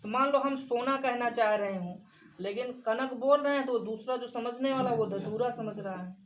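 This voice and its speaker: A woman's voice: on the high side, normal speed, poor audio. A woman teaching a grammar lesson for exam preparation, repeating examples and questioning her class.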